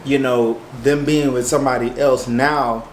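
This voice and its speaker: A man's voice: mid-range voice, fairly even intonation, measured pace. Hesitant American man, roomy recording. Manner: hesitant, thinking aloud, hedging with frequent checks. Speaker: co-host of a mukbang chat show. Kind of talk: casual relationship chat. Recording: roomy echo, faint background noise.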